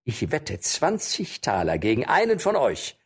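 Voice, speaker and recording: A man's voice: mid-range voice, wildly swooping pitch, a little slow, husky, pitched above the performer's own voice, heavily acted. A man voicing a proud, defiant young archer in an audiobook reading. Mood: boastful. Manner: bold, boastful.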